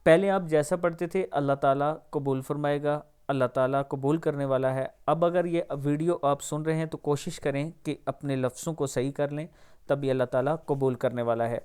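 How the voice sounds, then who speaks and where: Man slowly drawing out recited words. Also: a little high, steady tone, darkish tone, clear, resonant tone. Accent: Pakistani Urdu. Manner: drawls words slowly to model, then explains quickly. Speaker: Quran recitation teacher. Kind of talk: pronunciation lesson.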